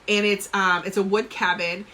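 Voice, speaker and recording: Jersey lady in her 30s rambling on a home live stream, bright voice, webcam mic. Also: medium pitch, level tone, normal speed, a little hiss or hum. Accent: New Jersey. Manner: chatty, rambling, self-deprecating. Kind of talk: casual live-stream chat.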